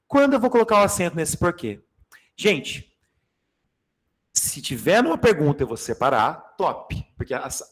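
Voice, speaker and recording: Animated high-voiced Brazilian teacher. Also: male voice. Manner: animated, jokey, addresses class directly. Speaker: Portuguese teacher. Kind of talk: lively exam-prep class. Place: classroom.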